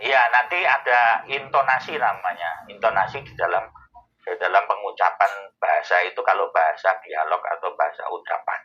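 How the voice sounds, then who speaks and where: A man, explaining answers to a host's questions in a thoughtful way, pausing often to find his words. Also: low voice, lo-fi sound, a little hiss or hum. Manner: thoughtful, with many pauses and fillers. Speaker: Islamic scholar answering questions. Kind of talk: explanatory Q&A talk.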